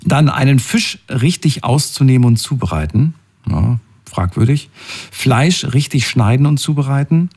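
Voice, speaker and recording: A man's voice: medium pitch, a little mellow, slightly rough. A man hosting a call-in radio show from the studio, chatting casually with callers and musing on listener topics. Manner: chatty, musing, reads points aloud and comments. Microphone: studio microphone.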